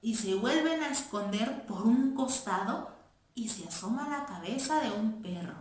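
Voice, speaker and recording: A woman primary school teacher reading a play aloud to children in an expressive way, in an echoey room. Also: on the high side, a little slow. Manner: expressive, addressing children directly.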